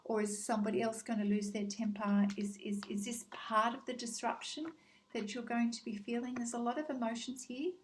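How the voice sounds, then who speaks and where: A woman doing a casual spoken tarot card reading, gentle and reassuring, with frequent ums as she speaks straight to the listener. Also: fairly high pitch, steady tone, fairly quick, a little hiss or hum, rough recording. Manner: addresses the listener directly by star sign.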